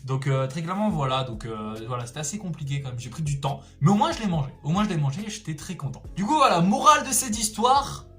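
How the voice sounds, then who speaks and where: A young man chatting casually through a personal story, slangy and expressive, exclaiming for emphasis. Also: on the high side, fast, few pauses, soft background music. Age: young adult. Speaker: storytelling vlogger.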